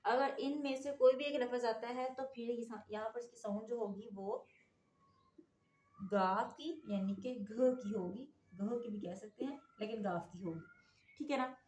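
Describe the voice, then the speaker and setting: An English phonics teacher, patient and unhurried, explains a lesson in classroom style with a fairly high, slightly mellow voice. She checks in with "okay?" again and again; the recording is echoey with faint noise.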